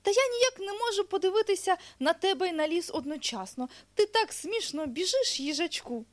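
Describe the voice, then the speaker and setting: A woman voicing a small playful bear cub in a storybook, eager and shouting. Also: extremely high pitch, expressive, moderate pace, pitched above the performer's own voice. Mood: puzzled.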